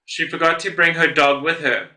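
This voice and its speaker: A man with a slightly high, bright, forceful voice speaks at a moderate pace with a level tone. Hosting a reaction video, he reads posts aloud and comments casually, often laughing to himself. He rambles, using many fillers and correcting himself.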